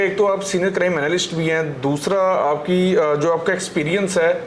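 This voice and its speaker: A man with a Pakistani Urdu accent, hosting a talk show and politely questioning his guest. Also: high-pitched. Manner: polite, deferential, frequent acknowledging 'hmm'. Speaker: show host. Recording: echoey room with faint noise.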